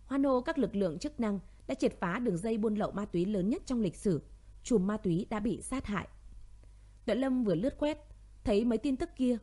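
Warm-voiced woman narrating a drama. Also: mid-range voice. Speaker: audiobook narrator. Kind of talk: scripted story narration.

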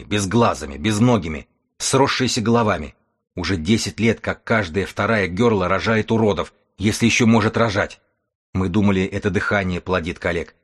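Hoarse, desperate healer woman from a grim post-apocalyptic audiobook, read by a man: low and husky, bitter and pleading. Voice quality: hoarse, rasping.

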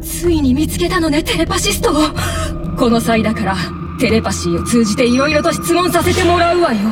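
女性声優が演じる、思い込みが激しく強引な十代の女子部長。厳かな語りと大げさな叫びを行き来するアニメの芝居。. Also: female voice, sits high, animated, a little fast, recorded from a distance, music in the background. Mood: excited. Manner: solemn intoning that breaks into loud, indignant outbursts. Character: bossy, excitable teenage girl club president, obsessed with telepathy. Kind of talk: anime voice acting.

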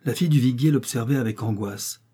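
A man reading a historical romance aloud with measured, expressive narration. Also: mid-range voice, breathy edge. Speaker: audiobook reader. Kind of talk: dramatic novel reading.

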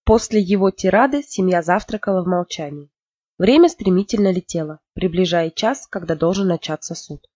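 A narrator reading a novel aloud in an expressive storytelling manner. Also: mid-range voice, normal speed, dry recording. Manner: expressive storytelling, lifting for emotional moments. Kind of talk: audiobook narration. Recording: dull lo-fi, dry.

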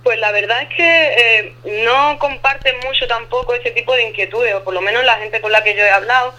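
Calling in remotely as an interview guest who lives abroad, a woman from Ubrique in Andalusia, southern Spain, chats colloquially in a lisping local accent that drops letters. Her fairly high voice is bright and forceful and a little fast. The casual phone interview audio has its highs cut off.

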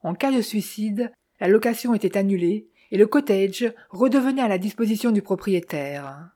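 Woman narrator, audiobook reading, mellow, measured. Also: medium pitch, expressive. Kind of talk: scripted narration of a short story.

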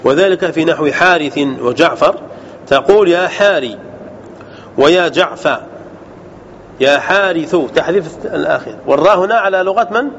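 An animated sheikh leading an Arabic grammar class has a voice that's fairly high for a man, somewhat creaky and a bit bright. He keeps breaking off to quiz his students quickly and confirm they understand, all captured in muffled lo-fi sound with a faint hiss.

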